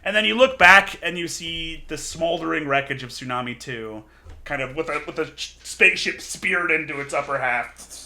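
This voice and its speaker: A man narrating a tabletop game as game master, halting with lots of fillers and giggles. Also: a little high, sharp tone, slight background noise.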